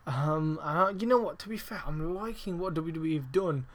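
A man hosting a casual wrestling review podcast, rambling with lots of fillers, swearing heavily and getting excitable and emphatic. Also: on the high side, fairly quick. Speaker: podcast host.

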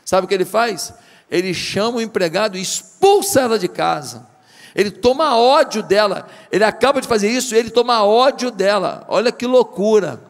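A man's voice: high-pitched, expressive, moderate pace, in a large hall. A man with a Brazilian Portuguese accent preaching a sermon, retelling a story dramatically and firing rhetorical questions at the congregation. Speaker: pastor.

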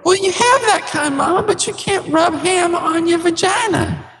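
Casting: woman as a fed-up grown kid, formant-shifted up, high and pleading. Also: normal speed, big-room sound. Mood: scolding. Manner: pleading, scolding. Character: exasperated grown child scolding her mother. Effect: formant shifted up, higher voice.

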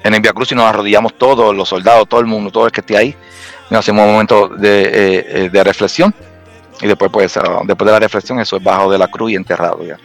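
A man's voice: fairly low pitch, fairly even intonation, fast, soft background music. A Puerto Rican man telling stories in casual chat, full of fillers and restarts. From Puerto Rico. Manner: storytelling with many fillers and restarts. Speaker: guest.

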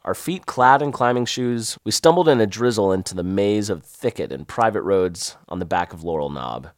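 A man with a Southern accent tells a story of his own in a wry, lively first-person way. His voice is on the low side but swings widely in pitch. The sound is dry and close. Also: moderate pace, no room sound.

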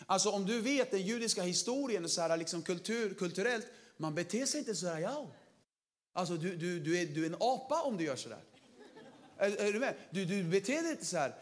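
A man preaching a lively sermon to a big gathering, energetic and playful, sometimes shouting to stir up the crowd. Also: sits high. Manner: energetic, shouts to rouse the audience, playful slang. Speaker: pastor.

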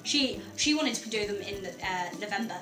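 A woman's voice: medium pitch, animated, moderate pace, echoey room, music in the background. A young woman with a Geordie accent, co-hosting a student radio show in casual, giggly chat. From North East England. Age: young adult. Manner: chatty, giggly, exclamatory.

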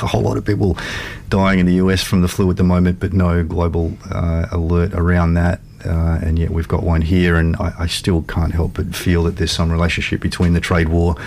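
Male co-host: deep, flat intonation, measured conversational explaining, faint rumble behind. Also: vocal fry. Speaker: radio show co-host. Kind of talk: conversational current-affairs discussion.

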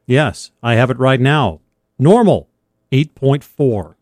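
Deliberate male radio sidekick, dry sound. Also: medium pitch, lively intonation, a little mellow, dry recording. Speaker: radio co-host. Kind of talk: casual radio banter.

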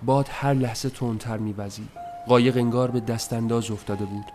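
A man reading a story aloud in a soft, measured, somber voice, as scripted narration. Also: medium pitch, fairly even intonation. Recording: noisy recording.

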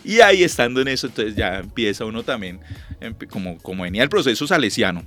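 A middle-aged man with a Colombian accent and a fairly low voice spins long, lively anecdotes as an interview guest. He talks in a relaxed, chatty way and slips into the voices of the people in his stories. Faint music plays softly underneath. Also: quick pace. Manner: chatty, animated, acts out quoted dialogue. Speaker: interview guest, lyric singer. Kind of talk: relaxed storytelling.

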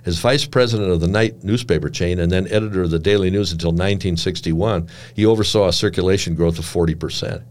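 An older man reading his own memoir aloud with measured, dry and wry storytelling. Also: low-pitched, darkish tone.

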